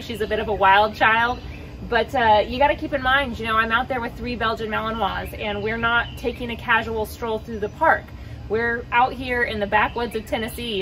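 A woman's voice: a bit bright, a little hiss or hum, rough recording. Chatty woman reviewing dog gear outdoors. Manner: chatty and upbeat, calls her dogs with high boop sounds. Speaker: dog trainer and vlogger. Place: outdoors, on a wooden deck by woods.

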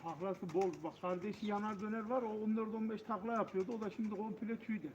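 Man, high voice, rapid colloquial chat, faint noise behind him. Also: fairly even intonation, muffled recording. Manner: colloquial, addresses listener as mate or brother. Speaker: pigeon breeder. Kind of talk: casual chat, answering questions. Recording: noticeable ambient background noise.

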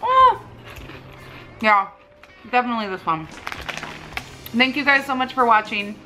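A woman's voice: a little high, very animated, measured pace, noisy background. A woman in her thirties chatting casually as a vlog host, recorded on a camera at arm's length indoors. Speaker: vlog host doing a taste test. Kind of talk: casual chat. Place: living room couch, indoors.

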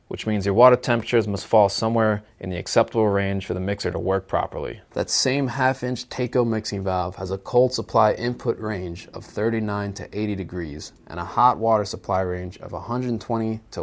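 In an explainer video, a man in his twenties walks through a plumbing product at a moderate pace. His slightly low voice carries a plain, instructional delivery, and the studio recording is clean.

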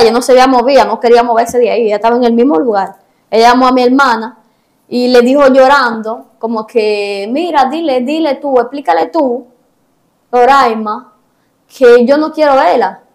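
A young woman, telling her story as an interview guest, hesitant and repeating herself. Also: a little high.

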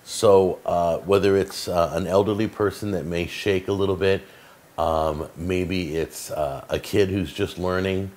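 A man's voice: sits low, steady tone, a little slow, darkish tone. A middle-aged man hosting a cooking show, chatting casually and enthusiastically as he shows off gadgets in his home kitchen. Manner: chatty, enthusiastic, filler-heavy. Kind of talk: casual product demo.

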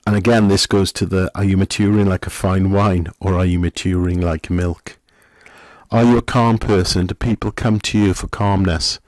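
A middle-aged man, a pastor, giving a gentle, conversational sermon full of questions to the listener. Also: sits low, fairly even intonation, normal speed, no room sound.

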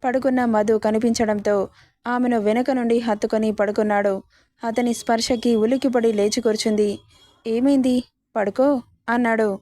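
A woman's voice: fairly high pitch, level tone, a little fast, warm tone, no room sound. A woman narrating a dramatic story and reading all the characters' lines in her own voice.

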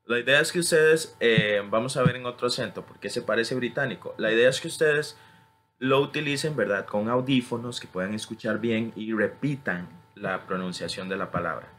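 Bright-toned teacher. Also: male voice, medium pitch, moderate pace, a little hiss or hum. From Costa Rica. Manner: switches between English and Spanish, models words for repetition. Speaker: English teacher. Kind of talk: screen-recorded tutorial.

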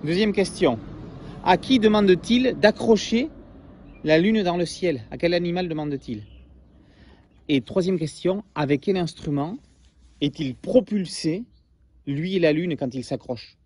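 A male teacher reading a picture book aloud to his pupils, gently pointing things out and explaining as he goes. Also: high-pitched, measured pace, pauses often, husky.

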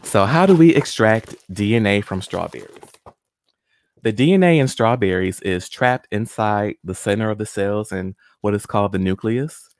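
A man in his forties, appearing as a guest scientist, takes viewers through a hands-on home experiment step by step with a friendly manner, his lowish voice expressive and moderately paced. The setting is a small home room, and his studio condenser mic, pop filter and headphones yield a dry recording.

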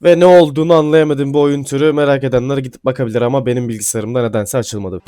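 A man giving casual gameplay commentary, excitable and swearing casually, then dropping to mumbling asides. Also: mid-range voice, racing, no echo. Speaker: gaming YouTuber. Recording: faint music behind.

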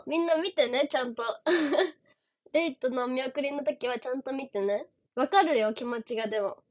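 A young woman with a Kansai accent chats on a close mic in a casual livestream. Her voice sits high and bright. She is bubbly and giggly, and she keeps calling out viewers' names to thank them. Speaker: idol livestream host. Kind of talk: casual livestream chat reading viewer gifts.

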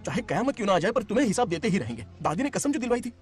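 Scheming estate manager, high voice, rapid patter, film music behind. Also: male voice, slightly rough, full character voice. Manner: fast, animated comic delivery. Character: scheming comic estate-manager man, sly and fussy. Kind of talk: Hindi film dub.

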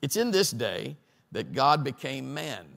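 Here the same kind of sermon comes in a gravelly, slightly bright mid-range voice with a sing-song lilt and a measured pace. He's a middle-aged pastor on a church stage at a Bible study, building lists toward a climax and drawing responses from the crowd.

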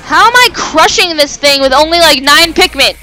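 Brief: high-voiced woman, lively swooping delivery, chatty let's-play commentary, easily excited. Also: normal speed, soft background music, rough recording. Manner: excitable, rambling, with sudden exclamations. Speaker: video game let's player. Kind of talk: casual gameplay commentary.

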